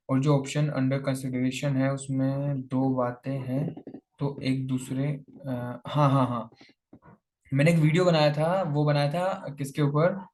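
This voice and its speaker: A man's voice: a little high, darkish tone. A young man chatting casually on a lavalier mic, answering viewer questions and calling his listeners "brother" and "buddy". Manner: informal, addresses viewers as "bhai" and "yaar". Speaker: YouTuber answering viewer comments. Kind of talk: casual chat.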